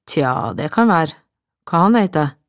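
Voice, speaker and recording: A woman voicing a wary middle-aged male innkeeper who speaks in a gruff, drawling, folksy way in an audiobook. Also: low-pitched, expressive, dry recording, studio quality.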